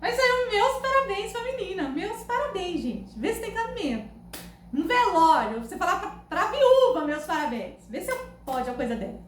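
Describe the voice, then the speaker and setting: A woman with a Brazilian Portuguese accent, telling funny stories to her camera in a loud, animated, laughing way. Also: extremely high pitch, moderate pace. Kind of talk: casual storytelling to camera. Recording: echoey room, faint background noise.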